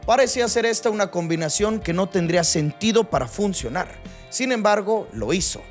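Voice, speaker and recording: High-voiced man narrating a dramatic documentary. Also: animated, fairly quick, soft background music. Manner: dramatic, clipped listing phrases. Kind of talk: scripted narration.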